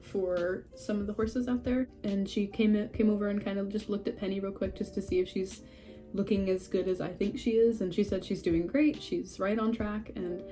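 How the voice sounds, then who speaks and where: Her cold leaves her sounding stuffy and a touch scratchy as this young woman, a horse breeder, chats through a vlog update at home among houseplants. The medium-pitched voice is warm and steady, moderately paced, with faint music in the background. She rambles, pokes fun at herself and laughs a lot.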